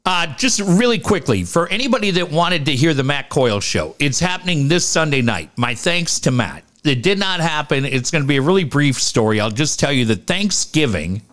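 A man's voice: on the high side, very animated, moderate pace, few pauses, a bit bright. A man co-hosting a casual sports talk show, sounding stuffed up from nose packing, rambling and slangy with some swearing.

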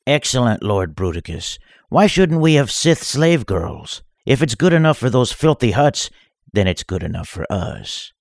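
A man doing a sneering dark lord. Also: mid-range voice, big pitch swings, unhurried, creaky, no room sound, clean studio sound, voice pushed up. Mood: haughty. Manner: haughty, sneering. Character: scornful male dark lord guest.

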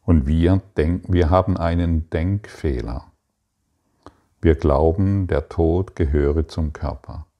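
A man giving a spiritual teaching, reading passages aloud and answering his own rhetorical questions in a deliberate way. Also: rumbling low, warm tone.

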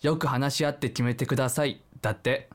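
A young man acting a tense young man who pleads for a gun in a student radio drama, rough and urgent. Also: medium pitch, steady tone, a little fast, lightly acted. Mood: uneasy.

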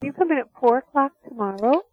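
Woman repair clerk on the phone: rapid, slightly high, firm and businesslike, repeats okay. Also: lively intonation, dry recording, dull audio. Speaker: hearing aid repair clerk. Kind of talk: phone conversation.

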